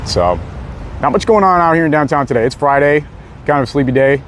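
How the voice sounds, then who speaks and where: A young man chatting casually on a live stream outdoors on a city street, laid-back and quick to laugh as he reads out chat messages. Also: on the high side, animated. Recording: faint street noise outdoors.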